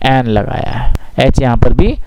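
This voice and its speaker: A man with an Indian accent teaching grammar in a lesson, patiently asking and answering his own questions and reading rules out slowly. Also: mid-range voice, expressive, background noise. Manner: reads English rules slowly and deliberately. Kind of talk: explanatory lesson mixing Hindi and English.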